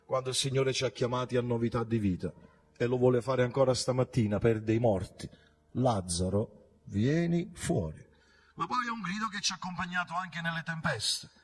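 A man's voice: a little fast, slight background noise. Fervent male preacher with surging swings. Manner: fervent preaching with big swings in loudness and pitch; asks the congregation rhetorical questions. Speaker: pastor. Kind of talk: Pentecostal sermon. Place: church service.

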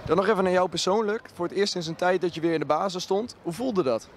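A man asks a player questions after a match for his club, in a casual tone. His voice is fairly high for a man, and he often restarts his sentences. He is recorded outdoors at a stadium with faint noise around him. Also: quick pace. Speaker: club interviewer. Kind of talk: post-match interview questions.

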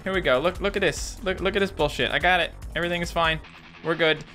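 A man's voice: a little high, fast, sharp tone, soft background music. A young man giving casual gameplay commentary to viewers in a sarcastic, exasperated way, swearing freely. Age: young adult. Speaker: gaming video creator. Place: indoor room, seated at a desk.

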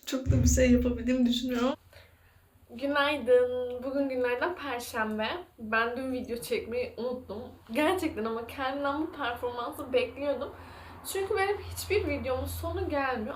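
A young woman vlogging casually, retelling her day in a chatty, animated way and laughing often. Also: on the high side, echoey room, a little hiss or hum. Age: young adult. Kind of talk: casual vlog storytelling.

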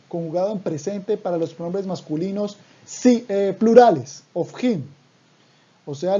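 A man's voice: high-pitched, mellow, breathy edge. A man teaching a language lesson, patiently repeating words for the learner to drill. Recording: dull lo-fi audio.

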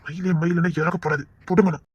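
This man's voice sits high and is slightly rough, moving quickly with fairly even intonation. He speaks with a Tirunelveli Tamil accent, teasingly playing a flirtatious, pleading office boss for a village web series, and the audio is dry and dull.

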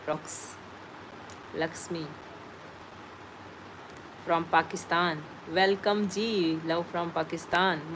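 A woman's voice: medium pitch, fairly bright tone, slight background noise. A woman chatting casually on a live stream, greeting viewers and reading their names aloud from the comments.

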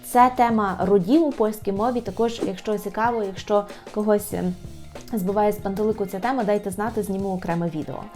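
A woman gives an online Polish lesson, her voice warm and mellow. She draws out each example word slowly and clearly so learners can repeat it. Soft music plays in the background. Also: medium pitch, fairly even intonation. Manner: clear, drawn-out repetition of example words. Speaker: Polish language teacher.

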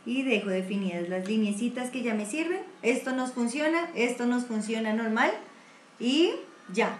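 A woman's voice: sits high, reverberant, slight background noise. A woman with a Colombian accent teaching a live online watercolor class, chatty and encouraging, full of diminutives. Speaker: painting teacher. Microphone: computer mic on a video stream.

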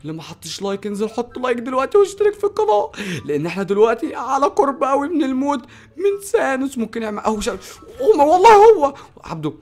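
Hyper young Egyptian gaming host. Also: male voice, very high voice, racing. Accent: Egyptian Arabic. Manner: excitable, shouts orders and cheers. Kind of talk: excited gameplay commentary.

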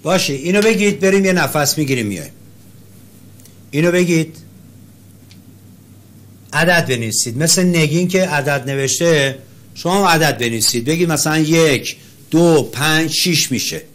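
A male teacher leading an interactive class, calling on students by name, praising their answers and chanting syllables slowly to show the rhythm. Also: a little high, animated, a bit bright.

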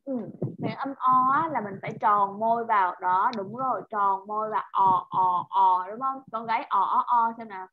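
Over a video call with dull, dry audio, a woman with a Vietnamese accent teaches English to a child. Her voice is a little high and she talks at a moderate pace with hardly any pauses, patiently drilling pronunciation and encouraging her student.

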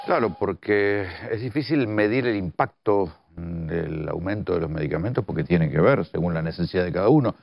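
A man speaking in a measured, explanatory way as an economic commentator. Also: low voice, expressive, creaky. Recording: dry, dull-toned recording.

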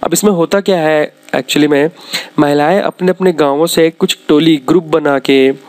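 A man teaching an exam-prep lesson over slides, listing items briskly and pausing to explain. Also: fairly high pitch, fairly even intonation. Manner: brisk, lists items one after another with frequent pauses to explain. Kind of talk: slide-based lecture.

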